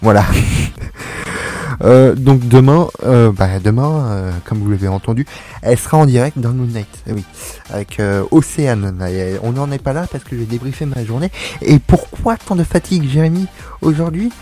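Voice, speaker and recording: Young man, radio host, chatty, joking, laughs a lot, mellow dark voice, faint music behind. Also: mid-range voice, moderate pace. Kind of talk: casual radio chat.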